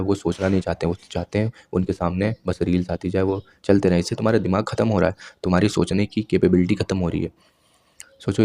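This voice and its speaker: A man's voice: deep voice, gravelly, mellow. A man in his twenties giving blunt self-improvement advice straight to his viewers, lecturing them directly. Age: 20s. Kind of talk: advice monologue to camera.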